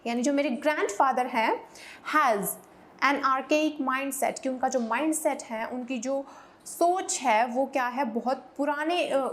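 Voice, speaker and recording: A woman teaching English vocabulary, explaining in Hindi and reading English examples slowly and carefully. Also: high voice, slight background noise. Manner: urges viewers to repeat pronunciations aloud. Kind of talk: vocabulary lesson.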